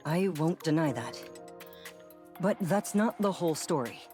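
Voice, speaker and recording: An actor playing a composed, formal corporate representative whose voice comes through a robotic voice changer, speaking in a measured, persuasive way in a video game. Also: male voice, a little high, animated, music in the background. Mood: measured, earnest.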